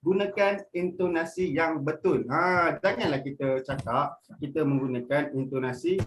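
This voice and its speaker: Seorang pria muda dari Malaysia yang melatih pelajar sekolah dalam webinar daring. Ia berbicara dengan lincah dan suka bercanda, lalu naik-turunkan nada untuk memberi contoh intonasi. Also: male voice, moderate pace, slight background noise. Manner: lively, playful, switches pitch to demonstrate intonation. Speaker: public speaking trainer. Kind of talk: online workshop for students. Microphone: video call.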